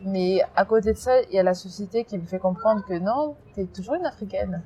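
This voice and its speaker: A woman from France being interviewed, talking in an emphatic, animated way with many restarts. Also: mid-range voice, a little fast, breathy edge. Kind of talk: casual interview.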